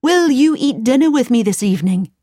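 Woman doing an eager young princess, storybook voice, high and bright, dry close sound. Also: animated, fairly quick, no room sound.

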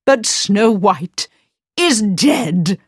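A woman's voice: medium pitch, animated, drawn-out words, husky, dry recording, studio quality, pitched above the performer's own voice, exaggerated voice. A woman reading a storybook voices a vain wicked queen, calling out in a wailing, pleading way. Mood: anguished.

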